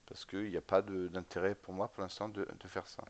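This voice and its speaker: A man's voice: deep voice, little pitch movement, a little fast. A man giving a casual step-by-step tutorial on setting up a web server, spelling out commands letter by letter and often checking in with the viewer. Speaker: tutorial instructor. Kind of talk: screen-recorded command-line tutorial.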